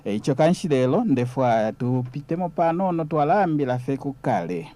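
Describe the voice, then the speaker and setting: Man, Zambian accent, medium pitch, very mellow tone, conversational history talk. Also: sing-song, brisk. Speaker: guest explaining history.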